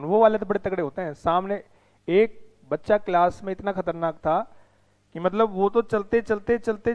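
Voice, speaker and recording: A man's voice: high voice, dull audio. A man teaching a class, mixing the lesson with teasing and scolding of his students. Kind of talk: classroom lecture with banter.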